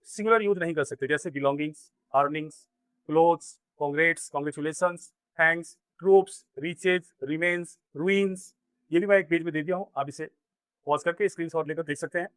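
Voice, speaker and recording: A man's voice: a little high, brisk, a bit bright, clear, resonant tone, no echo. A man teaching a grammar lesson, explaining step by step and asking and answering his own questions. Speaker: English teacher. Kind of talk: classroom grammar lesson in Hindi.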